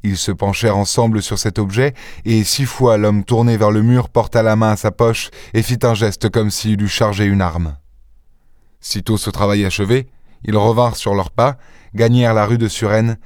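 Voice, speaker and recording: A man narrating an audiobook in a measured, even storytelling manner. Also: fairly low pitch, no echo, studio quality. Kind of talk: scripted narration.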